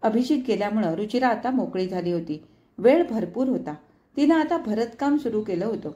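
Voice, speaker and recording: A woman storyteller reading a novel aloud in calm, measured narration. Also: mid-range voice, dull audio.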